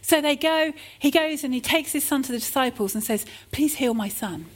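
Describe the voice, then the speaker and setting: A woman's voice: sits high, moderate pace. A woman preaching a sermon, telling stories in an earnest, heartfelt way.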